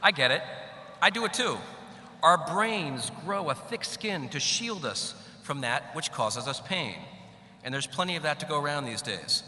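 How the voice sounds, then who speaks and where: A man's voice: on the high side, animated, moderate pace, pushed and bright. A middle-aged man giving a graduation speech at a podium microphone, with a wry, joking manner and a big hall echo around his voice. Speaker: commencement speaker. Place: large hall. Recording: echoey large hall, faint hum.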